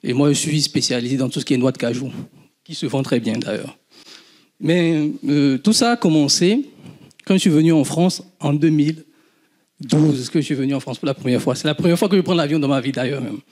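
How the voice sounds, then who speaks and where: A man in his thirties from Benin with a Beninese accent, an entrepreneur talking casually to an audience and telling animated stories with laughs. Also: on the high side, a little fast. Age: 30s. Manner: animated storytelling, laughs often, swears casually. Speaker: guest entrepreneur.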